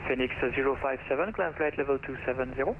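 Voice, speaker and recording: A man's voice: medium pitch, quick pace. A man working as an air traffic controller, giving procedural instructions phrase by phrase over the radio. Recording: distant, dull radio with faint noise.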